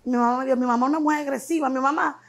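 Dominican lady w/ dominican accent, lively guest storytelling, high voice. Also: very fast, poor audio. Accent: Dominican Spanish. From Dominican Republic. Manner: laughing, expressive, acts out quotes. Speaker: interview guest. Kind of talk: animated storytelling chat.

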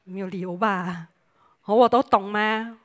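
A young woman preaching a lively sermon with jokes, chatty and playful, dropping English words into her talk. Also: mid-range voice, unhurried.

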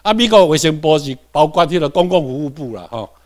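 Taiwanese man lecturing a class, higher voice. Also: animated, quick pace. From Tainan, Taiwan. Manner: repetitive, drills key points, checks with the class.

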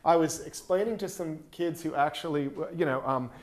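A man's voice: fairly high pitch, normal speed. A man, an author, telling wry anecdotes on stage in a panel conversation, with many fillers. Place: stage before a live audience.

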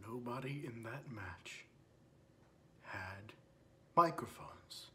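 A man's voice: mid-range voice, slow pace, noisy background. A man talking casually for a gaming vlog, nervous, self-conscious and giggly. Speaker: YouTuber.

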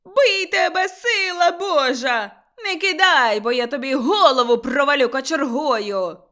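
A woman voicing a fierce, hot-tempered older village mother-in-law who shouts threats. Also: high voice, lively intonation, measured pace, voice pushed up, heavily acted. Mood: enraged shouting.

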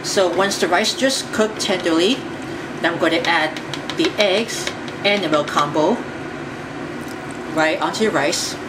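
A woman walks viewers through a recipe in her home kitchen, chatty and repeating herself as she stirs. Her voice sits a little low and sounds distant from the mic. Loud appliance noise runs under everything. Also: measured pace, pauses often. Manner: step-by-step, chatty, repeats phrases. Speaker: cooking show host. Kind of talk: home cooking demonstration.

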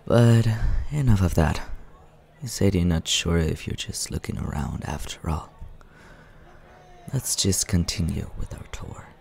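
Here the ASMR performer's Scaramouche, a deep-voiced, creaky, suave vampire, comes with lively intonation and an exaggerated voice. Still, he talks to the listener in a relaxed, explanatory way, soft and low, teasing and smooth-mannered at an easy pace.

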